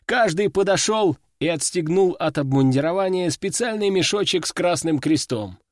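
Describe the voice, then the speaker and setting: A man narrating an audiobook in the first person, lively storytelling. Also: sits high, moderate pace, no echo, clean studio sound. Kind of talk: scripted narration.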